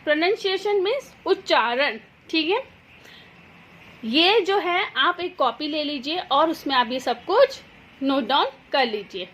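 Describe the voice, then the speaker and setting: Slow, patient high-voiced woman teacher. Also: lively intonation, a bit bright, a little hiss or hum. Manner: patient, repeats sounds slowly; checks in with "theek hai" often. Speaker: English teacher. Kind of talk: slow spoken English phonics lesson.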